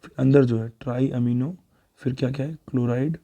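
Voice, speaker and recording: A man's voice: mid-range voice, steady tone, fairly quick, mellow. A man teaching a chemistry revision lesson, talking students through worked examples step by step and correcting himself as he goes. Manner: talks students through worked examples, calls them beta; thinks aloud and corrects himself.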